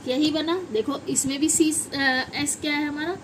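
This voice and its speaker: A woman's voice: high voice, steady tone, a little slow, noisy background. A woman with a Hindi accent teaching English pronunciation in a classroom style, often asking questions and answering them herself.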